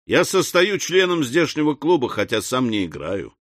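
A man voicing a gruff, blunt older country host in an audiobook. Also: mid-range voice, big pitch swings, normal speed, a bit bright, no room sound, studio quality. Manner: brusque, gruff.

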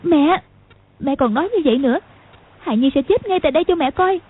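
A woman doing an anxious young daughter, high-pitched. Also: lively intonation, a little fast, phone-quality sound. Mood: pleading. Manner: pleading, urgent. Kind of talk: audiobook reading.

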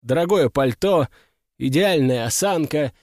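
A man reading a first-person fantasy audiobook in a wry, even storytelling manner. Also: on the high side, a little slow, dry recording, clean studio sound. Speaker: audiobook narrator.

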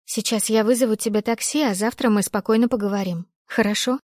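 A woman voicing a frightened young woman who pleads in a trembling voice while trying to stay calm, in an audiobook reading. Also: mid-range voice, a little fast, dry recording, clean studio sound, close to an everyday voice. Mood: pleading.

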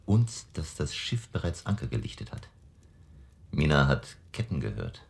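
An actor playing an elderly, kindly and grave professor in a radio drama, speaking in a gravelly, deliberate, solemn, paternal way. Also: male voice, extremely low pitch, very animated, full character voice. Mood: grave, determined. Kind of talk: German radio drama acting.

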